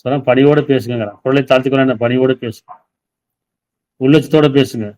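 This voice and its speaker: A man's voice: medium pitch, fairly even intonation, brisk, a little mellow, poor audio. A man giving a sermon, reading verses aloud and explaining them, often asking his listeners questions. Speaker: Islamic preacher.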